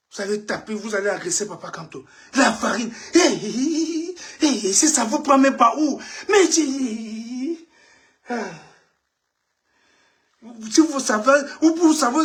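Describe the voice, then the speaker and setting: A woman delivers an angry live rant as a political activist. Her voice sits high and leaps wildly up and down, and she breaks into shouts and bursts of English. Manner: heated, impassioned, shouting, switches between French and English.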